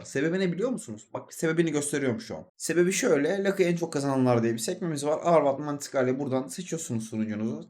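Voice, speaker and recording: A man's voice: on the high side, darkish tone. A young man casually commenting over his gameplay, rambling and chatty as he talks straight to his viewers. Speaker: gaming video host and streamer.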